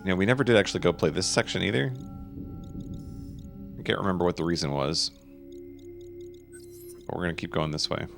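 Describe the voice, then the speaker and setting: A man's voice: low-pitched, lively intonation, fairly quick, vocal fry, pauses often, music in the background. A man casually chatting with his viewers and answering their questions while he plays a game on a live stream. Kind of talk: live gameplay stream commentary.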